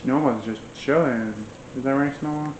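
A young man in his twenties chats offhand in a casual home cooking vlog, rambling and using many fillers. His mid-range voice is slightly mellow at normal speed, with the highs cut off. The camera sits on the counter at a distance in a small indoor kitchen, so the sound is echoey with background noise.

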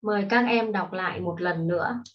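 A woman teaching a primary school English lesson online, explaining patiently and slowly to children. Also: lowish voice. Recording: dull lo-fi recording.

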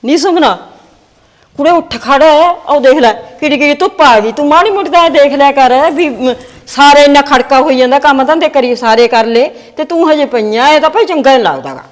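A woman's voice: high voice, a little fast, long reverb tail. A middle-aged woman playing a bossy, scolding mother-in-law in a family skit.

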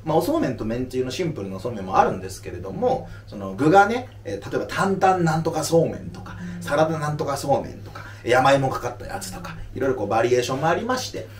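A stand-up comedian in his thirties from Aomori, Japan, answers audience questions after a live show, playfully lecturing in a mock-serious way. His mid-range voice swings widely in pitch and moves fast with few pauses, picked up by a distant mic in an echoey venue.

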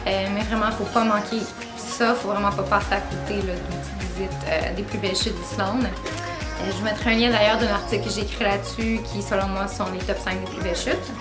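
A woman in her twenties with a Québécois French accent, talking casually to camera about her travels, with lots of filler sounds. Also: mid-range voice. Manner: chatty, many filler "euh"s, laughs at herself. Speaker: travel vlogger. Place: small room indoors with string lights and bookshelf. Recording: roomy echo, music behind.

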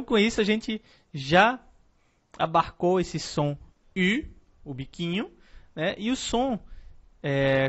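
Man, French teacher, video lesson, patient explaining, fairly high voice, slightly muffled recording. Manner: explains patiently, often adds "né?" as a tag.

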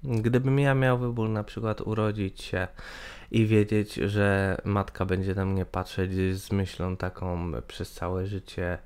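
In a small room, a young Polish man in his twenties who runs a gaming channel gives his opinion in a low, slightly mellow voice. He restarts sentences and uses many fillers, sounding hesitant. A webcam in the corner of a screen capture serves as the mic.

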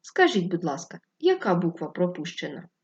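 A woman teacher giving a distance-learning lesson to first graders, dictating instructions slowly and clearly. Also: lowish voice, very animated, lo-fi sound. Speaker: primary school teacher.

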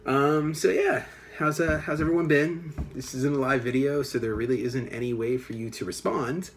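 A young man in his late twenties vlogs into a phone camera held at arm's length in a small apartment room. He rambles loosely, swearing and trailing off with fillers, his medium-pitched voice fairly even in intonation over a little hiss or hum.

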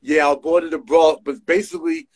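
Recorded via phone front camera in a small indoor room, a middle-aged designer from New Jersey chats as an interview guest on a video call. His fairly high voice stays steady at a quick pace, carrying a New York area accent, street slang and emphatic repetition.

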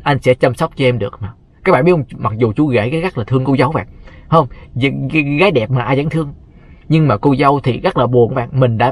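A man's voice: mid-range voice, slightly rough. A man, casually telling a story to his viewers and acting out what people say. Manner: chatty, addresses viewers constantly, acts out quotes. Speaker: vlogger.

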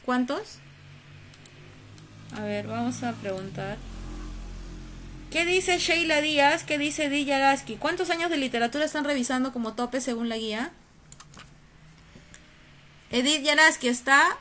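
A high-pitched woman teacher runs an online class, coaxing and teasing her students with quick questions. She comes through a video call with a light hiss of noise behind her. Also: pushed and bright. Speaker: university teacher.

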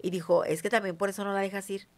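A woman's voice: medium pitch, steady tone, quick pace. Chatty Mexican woman in an interview. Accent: Mexican Spanish. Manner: chatty, emphatic, often asks "¿sí me entiendes?". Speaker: interview guest, self-described witch. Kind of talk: casual conversational interview.

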